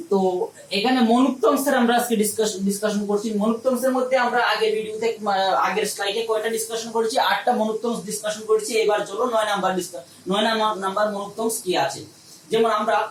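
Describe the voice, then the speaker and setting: Male teacher, quick drilling delivery that answers its own questions, recorded a little off-mic in a roomy space. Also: sits high, recorded from a distance. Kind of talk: recorded online lesson. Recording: echoey room, a little off-mic, faint hum.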